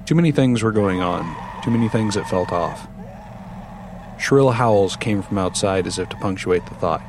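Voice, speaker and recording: A man reading a horror story aloud with steady, measured narration. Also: on the low side, noisy background.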